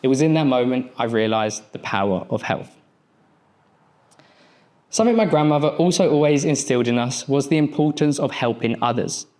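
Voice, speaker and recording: A man's voice: medium pitch, expressive, moderate pace, a little mellow. A young adult man, a mindset coach, giving a motivational speech on an event stage and telling a personal story in short, punchy phrases.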